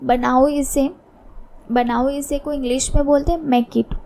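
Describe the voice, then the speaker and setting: Woman English tutor, high voice with fry, mellow tone, patient and repetitive delivery. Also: little pitch movement, a little hiss or hum. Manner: repeats each phrase slowly, explaining in Hindi. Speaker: English teacher. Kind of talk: spoken English lesson.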